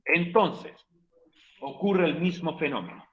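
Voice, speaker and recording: A man's voice: a little high, measured pace. A man teaching an English grammar class online, playful and joking with his students while repeating key points. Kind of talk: online class explanation in Spanish. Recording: roomy, dull lo-fi stream audio.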